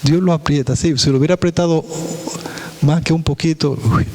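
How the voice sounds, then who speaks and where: Male pastor preaching in church, emphatic, asks the room questions, slightly high voice. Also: fairly even intonation, a little fast, darkish tone, slight background noise, low-quality recording. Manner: preaching with rhetorical questions to the congregation; emphatic, pitch dropping on key words. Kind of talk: sermon.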